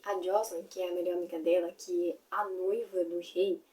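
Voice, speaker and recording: A woman's voice: on the low side, flat delivery, normal speed, dark tone, distant mic. Chatty woman recapping a book. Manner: chatty, full of fillers like "tipo" and "gente". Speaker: book reviewer.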